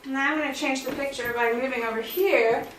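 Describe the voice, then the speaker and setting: A woman dog trainer calmly explaining a demonstration and softly praising the dog. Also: sits high, brisk, noisy background. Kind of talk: instructional demonstration. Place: indoors in a house. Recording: roomy sound from a distance.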